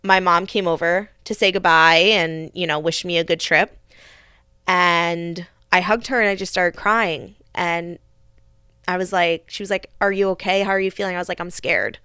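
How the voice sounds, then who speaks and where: A woman's voice: lowish voice, steady tone, normal speed, sharp tone, smooth, no echo, studio quality. A young adult woman hosting a podcast, telling a personal story in an earnest, reflective way with frequent restarts. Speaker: podcast host.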